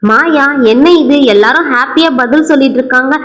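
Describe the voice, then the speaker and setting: Woman playing a teacher doll in a toy cartoon, kind but firm, gently scolding, voice a bit high. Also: brisk, soft background music.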